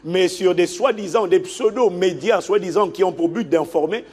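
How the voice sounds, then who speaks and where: A man preaching a sermon as a pastor, telling a story in an animated way and acting out the people in it. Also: high voice, moderate pace. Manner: animated storytelling, acts out the people in his stories.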